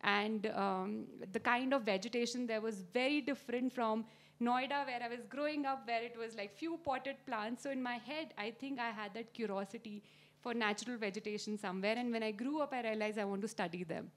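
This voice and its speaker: Brisk and fairly high-pitched, this Indian-accented gardening expert in her thirties is a guest speaker at a live talk, responding to questions in an explanatory, instructive manner.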